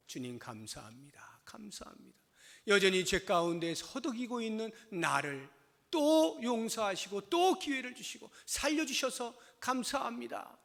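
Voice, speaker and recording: Bright-voiced pastor preaching in a reverberant church. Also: male voice, fairly high pitch. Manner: emphatic, swings from hushed to loud. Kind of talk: sermon. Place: church sanctuary.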